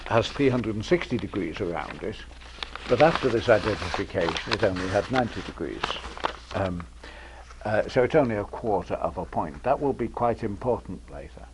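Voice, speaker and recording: A man giving an informal university math lecture, pausing often with ums and uhs and adding dry humor. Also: medium pitch, a little mellow, slightly rough. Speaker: mathematics professor lecturing. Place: lecture room with audience.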